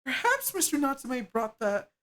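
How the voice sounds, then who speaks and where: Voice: high-pitched, very animated, moderate pace, pushed and bright, pitched above the performer's own voice, exaggerated voice. A streamer putting on a polite young woman assistant. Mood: cheerful. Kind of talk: reading game dialogue aloud.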